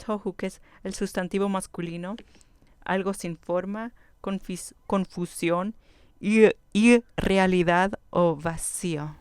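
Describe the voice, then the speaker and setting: Woman teaching vocab, super clear voice, slow and careful, dry close sound. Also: on the low side, fairly even intonation, darkish tone, no echo. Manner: slow, careful, repeats each word. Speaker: Biblical Hebrew teacher. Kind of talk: vocabulary lesson.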